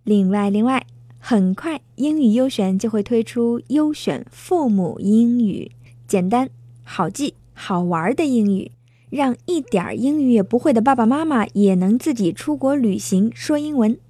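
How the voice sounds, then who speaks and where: A woman's voice: a little high, lively intonation, normal speed, mellow, husky, no room sound. A woman hosting a bilingual English lesson in a playful, chatty way, laughing often. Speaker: language lesson host. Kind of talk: bilingual casual lesson narration.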